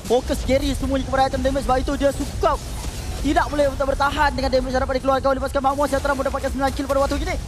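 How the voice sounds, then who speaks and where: Very high-pitched Malaysian male esports commentator. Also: flat delivery, rapid-fire. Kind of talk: live game analysis commentary. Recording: broadcast with loud music behind. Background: music.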